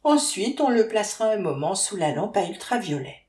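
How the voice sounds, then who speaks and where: A woman narrates an audiobook at an even, middle pitch. Her reading is lively, with a wry edge. The voice sits in a roomy, echoing space. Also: moderate pace. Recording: roomy echo.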